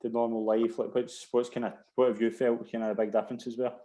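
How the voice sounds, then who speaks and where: A man's voice: medium pitch, level tone, fast talker, warm tone, rough recording. A man hosting a podcast interview, often restarting his questions and answering with brilliant. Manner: repeats words, says "brilliant" often. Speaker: podcast host. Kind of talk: casual interview.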